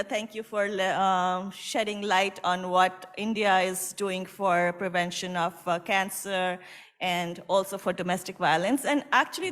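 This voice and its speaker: A woman moderating a conference session, politely introducing speakers and pausing often with fillers. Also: medium pitch, a bit bright, big-room sound. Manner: polite, hesitant with many fillers. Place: conference hall.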